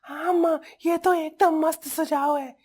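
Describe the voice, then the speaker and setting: A whiny village boy from a cartoon story, voiced by a woman in a piping, very high voice. His pitch barely moves, so every line comes out in the same thin, childish whine. He is eager and a little fussy. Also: fairly even intonation, a little slow, a little mellow. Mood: cheerful.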